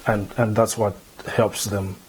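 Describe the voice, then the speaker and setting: A middle-aged man from Malawi, a theology lecturer, answering interview questions in a measured way, often repeating words as he thinks. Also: fairly low pitch, little pitch movement, a little hiss or hum. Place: indoor room before a banner.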